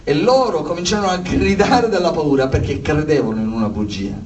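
A man preaching a sermon, animated, acting out the voices of the figures he tells of. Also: a little high, brisk, distant mic, low-quality recording.

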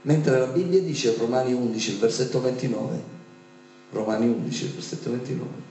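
A man's voice: mid-range voice, a little fast, warm tone. A male preacher, delivering an emphatic sermon full of rhetorical questions to his congregation. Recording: echoey room from a distance.

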